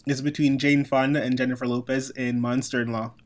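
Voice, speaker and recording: A man co-hosting a podcast, expressive and quick to jump in with reactions. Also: medium pitch. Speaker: podcast co-host. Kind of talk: casual chat.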